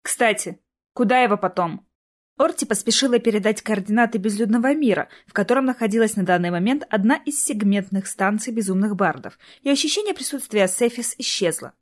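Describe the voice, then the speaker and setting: A woman narrating a fantasy audiobook in an even, expressive reading. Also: mid-range voice, quick pace, hardly any pauses.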